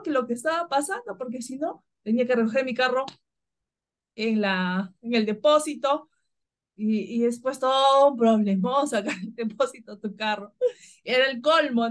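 A woman from Peru, a spiritual guide, talking casually and telling everyday stories with frequent laughter. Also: a little high. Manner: warm, spontaneous storytelling with frequent laughs.

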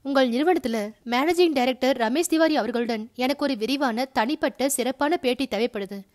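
An eager, courteous young male journalist makes a polite request, read by a woman in a high, bright voice. His tone is respectful and smooth. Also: moderate pace.

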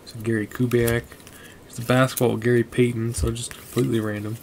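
At his desk at home, a card collector vlogger mutters names as he flips through cards in casual, chatty narration. His medium-pitched voice is creaky and darkish, a little fast with little pitch movement, and the recording is noisy.

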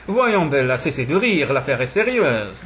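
A man reading as a young duke, wry and gently chiding toward his wife, in a lowered, calm voice. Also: measured pace, slight background noise. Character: amused young duke, fond husband. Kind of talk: audiobook character voice.

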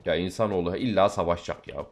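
Young guy chatting while gaming, talks fast, faint keyboard typing behind him. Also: low voice, a little hiss or hum. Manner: joking banter, addressing viewers. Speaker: gaming channel host. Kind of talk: casual gameplay chat with a friend.

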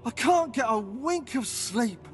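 A wounded, sleepless game character, very high in pitch. He moans in pain and grumbles irritably, dragging out his words with big swings, over faint music. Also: lively intonation, measured pace. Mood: pained, irritable. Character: suffering, irritable injured man unable to sleep. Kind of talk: video game voice acting.

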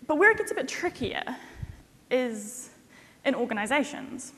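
A young woman, a consultant, delivers a conference keynote from a lectern on stage in a large hall. Her high-pitched voice moves at a normal speed, conversational and jokey with lively emphasis. The hall sound is reverberant, with slight background noise.

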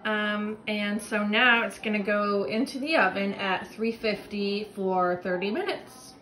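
A young woman talking casually through a recipe in her home kitchen, chatty and relaxed with a lot of fillers. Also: medium pitch, measured pace, poor audio. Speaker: home cook host. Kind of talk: casual cooking vlog narration.

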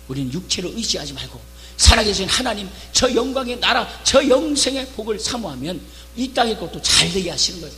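A middle-aged male pastor preaching a revival sermon, fervent, calling out for amens and shouting his key lines. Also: sits high. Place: church hall. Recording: reverberant church hall with faint hum.

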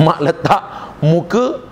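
A man's voice: on the high side, extremely slow. A man with a Malaysian Malay accent preaching a sermon, firing rhetorical questions at his audience and telling jokey stories. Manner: animated, jokey storytelling lecturer. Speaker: religious preacher. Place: mosque prayer hall. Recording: reverberant hall, faint background noise.

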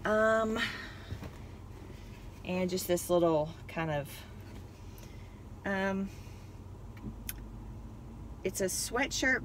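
Deep-voiced with vocal fry, a woman vlogger chats casually and rambles about her haul, laughing often. The setting is a noisy car interior, parked and then driving. She's recorded on a phone mounted on the dashboard.

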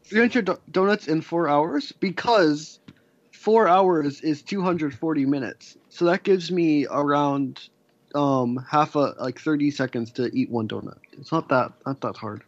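Higher husky guy doing the math out loud, dry dull sound. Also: unhurried, no room sound. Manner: reasons things out aloud. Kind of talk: casual group chat.

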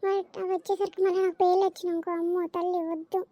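A woman's voice: very high-pitched, level tone, fast, dark tone, no room sound. A woman voicing a grumpy, suspicious old mother-in-law in a cartoon, who scolds, complains and nags. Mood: boastful.

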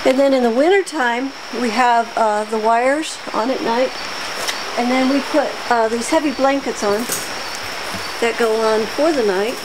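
A woman's voice: fairly high pitch, a little slow. A middle-aged woman farmer explaining things plainly as she leads a tour through her greenhouses. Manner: plain, practical explaining with fillers. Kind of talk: casual guided tour. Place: inside greenhouses on a farm. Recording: noisy outdoor-style background.

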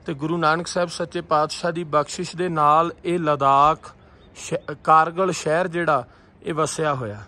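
A man's voice: a little high, steady tone, moderate pace, sharp tone. A man from Punjab narrating a travel vlog outdoors in the mountains, telling a temple story reverently and praising the scenery with enthusiasm. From Punjab, India. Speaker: travel vlogger.

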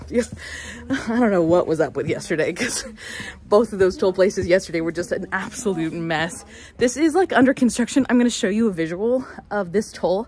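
A young woman vlogging casually to a handheld camera, chatty and bubbly, saying "like" a lot. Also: mid-range voice. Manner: chatty and bubbly, heavy use of "like". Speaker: travel vlogger. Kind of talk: casual vlog chat to camera.

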